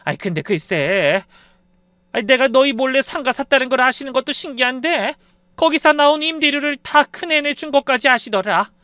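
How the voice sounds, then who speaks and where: A man's voice: very high voice, expressive, normal speed, pushed and bright, clear, resonant tone, dry recording, pitched above the performer's own voice, heavily acted. A man voicing a flustered older mother-in-law who exclaims and sighs as she retells a fright, in a storybook reading. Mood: agitated.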